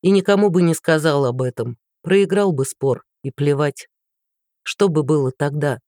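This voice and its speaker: A woman narrating a romance novel in an even, matter-of-fact storytelling voice. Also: low voice, moderate pace, no room sound, clean studio sound. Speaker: audiobook narrator. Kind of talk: scripted narration.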